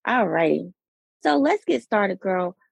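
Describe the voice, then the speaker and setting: Woman podcast host, raspy and unhurried, gravelly, close dry mic. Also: medium pitch, sing-song, dry recording, dull audio. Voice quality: raspy late-night voice. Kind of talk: casual podcast chat.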